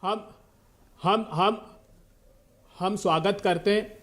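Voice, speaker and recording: Male Indian political spokesperson for a TV debate; very high-pitched, insistent, rhetorical delivery. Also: steady tone, extremely slow, a bit bright. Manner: insistent, pleading to be heard, rhetorical.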